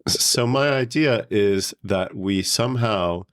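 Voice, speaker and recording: A man's voice: on the low side, slow, dry recording, clean studio sound. A middle-aged man co-hosting a podcast, chatting casually in a rambling, joking, self-mocking way. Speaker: podcast co-host. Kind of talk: casual comedic chat.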